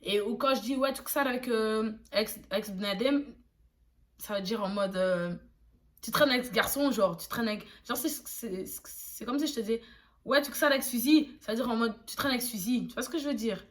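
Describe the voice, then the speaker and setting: A woman's voice: a little high, moderate pace, a bit bright. A young woman from Belgium speaks in a casual vlog. Her delivery is loose and slangy, full of asides to her viewers. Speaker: YouTuber.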